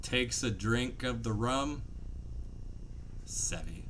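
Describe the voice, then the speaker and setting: A man narrating a tabletop fantasy game as game master, telling it dramatically with pauses. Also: medium pitch, animated, a bit bright, rough recording. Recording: faint background room noise.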